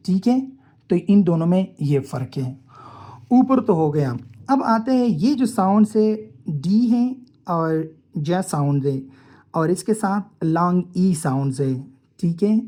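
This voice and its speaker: A woman's voice: low-pitched, dark tone. A woman teaching a phonetics lesson, explaining step by step and answering her own questions.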